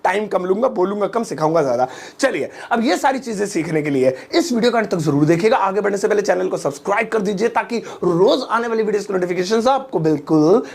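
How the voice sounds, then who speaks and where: Young guy teaching english, gravelly voice, chatty and jokey, acts out little home scenes. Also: sits high, expressive, fast talker. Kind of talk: casual spoken lesson.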